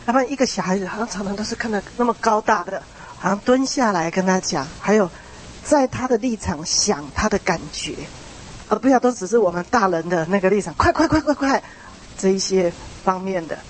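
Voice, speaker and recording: A woman's voice: mid-range voice, a little fast, slight background noise, poor audio. A woman leading a church small group, summing up what others said and inviting more sharing. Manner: summarizing, encouraging others to speak.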